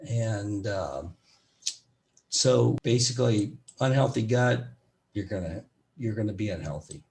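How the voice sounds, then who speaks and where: A man with a raspy voice, a physician giving an educational medical talk in a loose, rambling way with many fillers. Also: lowish voice, animated, unhurried, darkish tone, slight background noise. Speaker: physician presenter.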